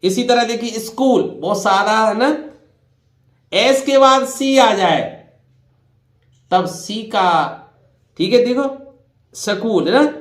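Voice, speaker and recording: A man in his fifties teaching English pronunciation, speaking deliberately, repeating each word and spelling out letters while addressing listeners directly. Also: high voice, echoey room. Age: 50s. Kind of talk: classroom-style spoken lesson.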